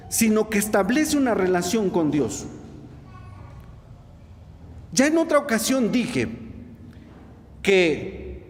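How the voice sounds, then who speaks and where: A man's voice: high voice, darkish tone, long reverb tail. A man preaching a sermon to his congregation, asking them rhetorical questions. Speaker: pastor.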